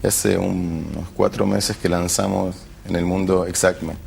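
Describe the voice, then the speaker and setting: A man's voice: sits low, flat delivery, moderate pace, creaky, a little mellow, slight background noise. A man, a tech company founder who hesitates and restarts often as he searches for words in a TV interview. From Argentina. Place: television studio.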